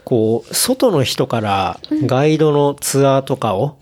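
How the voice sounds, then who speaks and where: A man's voice: mid-range voice, lively intonation, a little slow, a little mellow. Man, casual chat, thoughtful and hesitant, filler-heavy. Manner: thoughtful, hesitant, frequent fillers and self-corrections. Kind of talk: casual conversation.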